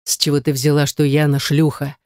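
A woman's voice: sits low, completely flat delivery, fairly quick, darkish tone, no echo, clean studio sound. A woman reading an audiobook, voicing a stern, cold man who speaks in clipped, curt lines. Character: stern, cold grown man, older brother. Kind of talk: audiobook character voice.

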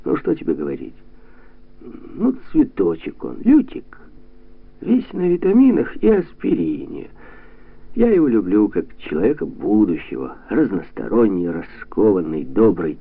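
A man's voice: huge pitch swings, unhurried, husky, full character voice. A man doing a jovial, mocking heavyset man. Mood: bantering. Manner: bantering, preachy, jumps up in pitch. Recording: tinny lo-fi radio sound.

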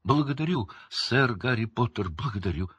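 A man voicing a timid, eager male house-elf who squeaks nervously and stammers, in a storybook reading. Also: animated, moderate pace, a bit bright, no room sound. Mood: excited. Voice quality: high squeak, breathy. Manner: nervous, stammering, self-abasing.

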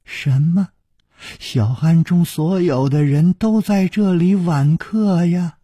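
A man's voice: a little high, slow, mellow, husky, dry recording, studio quality, voice pushed up. A man voicing a flustered older nun, raised quavering voice. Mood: puzzled. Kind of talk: storytelling performance.

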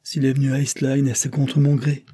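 A man reading an audiobook voices a distraught young aristocratic woman who has fled her husband, speaking softly and with shame. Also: medium pitch, completely flat delivery, normal speed, slightly rough, pitched above the performer's own voice, close to an everyday voice. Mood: proud.

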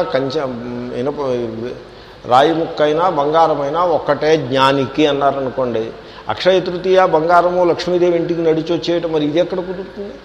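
A man's voice: a little high, highs cut off, a little hiss or hum. A man, a swami, giving a scripture discourse in a wry, questioning manner, mixing in English words. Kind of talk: Vedanta discourse. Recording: echoey hall with faint ambience.

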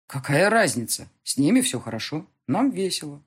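A cold, irritated husband on the phone, as a woman narrator puts him on for an audiobook. He talks curtly and dismissively, in a husky voice that swings widely in pitch. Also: very animated, moderate pace, exaggerated voice. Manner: curt, dismissive, flares into anger. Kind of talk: audiobook character voice.

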